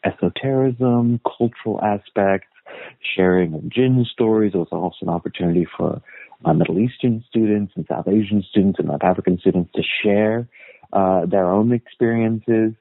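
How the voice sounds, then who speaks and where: Man, low voice, tinny phone-like line, dry sound, thoughtful storyteller, hesitant restarts. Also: moderate pace, no echo. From United States. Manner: thoughtful storyteller, frequent "uh" and repeated words. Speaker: guest historian. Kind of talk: casual interview conversation.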